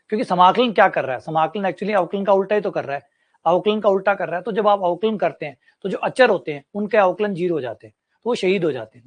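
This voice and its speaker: A man, teaching a maths class as a lecture and explaining with everyday examples and repetition. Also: sits high.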